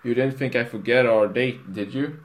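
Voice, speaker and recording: A man's voice: medium pitch, moderate pace, voice pushed up, natural voice. A man doing a smug vain pony millionaire. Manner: boastful and teasing. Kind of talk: comic storybook reading.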